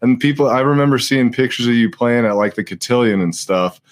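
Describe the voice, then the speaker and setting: Here a man in his late thirties hosts a podcast, his medium-pitched voice moving at a brisk clip. The talk is casual: he laughs a lot, swears without a second thought, and is picked up on a live stream podcast mic.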